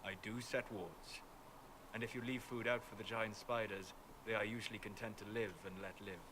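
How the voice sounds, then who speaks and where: Man playing a measured, low-voiced mage dream guide. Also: fairly even intonation, background noise, close to an everyday voice. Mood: calm, wry. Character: calm, scholarly apostate mage, a male dreamer of ancient memories. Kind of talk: video game dialogue.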